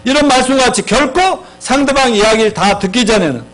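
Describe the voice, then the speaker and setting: Very high-voiced man preaching a sermon. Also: fairly quick, fairly bright tone. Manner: asks the congregation questions and leads them in reading aloud; acts out quoted spouses with sudden higher, sharper lines. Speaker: pastor.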